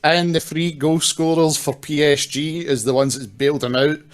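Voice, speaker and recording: A man's voice: a little high, level tone, normal speed. A man with a Scottish accent chatting casually about football on a stream. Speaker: guest or co-host on a football stream.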